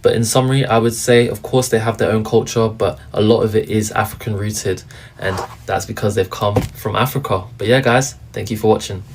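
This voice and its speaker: A man with a lowish voice talking through history in a casual, relaxed way. He drops in easy fillers as he goes. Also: brisk, slight background noise. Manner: relaxed, with frequent "but yeah" fillers. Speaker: video narrator.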